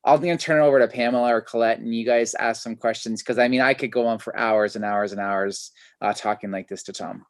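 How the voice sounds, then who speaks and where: A man hosts a video-call interview, talking in a chatty, enthusiastic way with plenty of fillers. His voice is mid-pitched and sounds dry and close. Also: fairly even intonation, fast talker, hardly any pauses, dry recording. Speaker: host. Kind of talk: casual interview.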